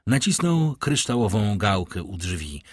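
A man narrating an audiobook in an expressive, dramatic way. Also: lowish voice, unhurried, breathy edge, no echo, studio quality. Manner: expressive, lively storytelling.

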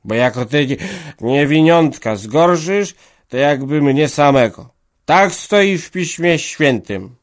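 A man's voice: a little high, animated, slow, pitched above the performer's own voice. A man voicing a drunk, pompous village organist who slurs his moralizing, like a sermon. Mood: preachy. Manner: preachy, slurred moralizing.

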